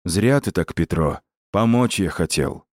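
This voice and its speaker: A man's voice: low voice, lively intonation, measured pace, a little mellow, no echo, clean studio sound. A man voicing an anxious village priest who pleads in a tearful, raised voice.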